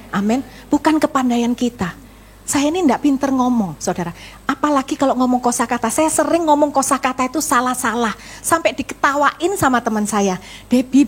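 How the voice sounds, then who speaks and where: Husky-voiced woman pastor preaching. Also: sits high. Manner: lively storytelling with rhetorical questions to the congregation. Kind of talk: sermon. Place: church service.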